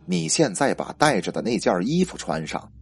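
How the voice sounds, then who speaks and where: A commanding village exorcist, voiced by a male storyteller speaks low and firm, his husky tone dropping well below the narrator's own. Each order comes short and flat, with faint music under the telling. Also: moderate pace, dry recording, full character voice. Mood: stern commanding. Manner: giving curt, firm orders.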